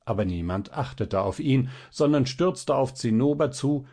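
A man reading a literary audiobook in a measured, expressive storytelling manner. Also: medium pitch. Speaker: audiobook narrator.

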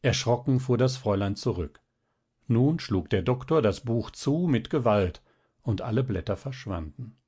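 Mellow-voiced man reading a fairy tale. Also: medium pitch, lively intonation, moderate pace, slightly rough. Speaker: reader. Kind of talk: storybook narration.

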